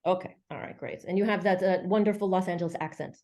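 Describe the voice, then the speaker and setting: A woman's voice: fairly low pitch, fairly even intonation, fast, darkish tone. Chatty woman hosting a webinar. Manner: friendly, chatty, many fillers. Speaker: webinar host.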